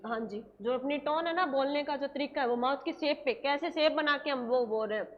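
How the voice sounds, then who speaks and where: Woman teacher, high voice, repetitive question-and-answer drilling, slow dictation; slightly dull recording. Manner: slows right down to dictate English terms word by word. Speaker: nursing exam coaching teacher. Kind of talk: classroom lecture, dictating notes.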